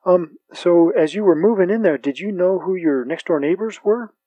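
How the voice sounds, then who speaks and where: A man works as an oral history interviewer, feeling his way into informal questions with small hesitations. His voice sits slightly high and has a husky grain. The sound is dry and close. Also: normal speed, mellow, no room sound, muffled recording.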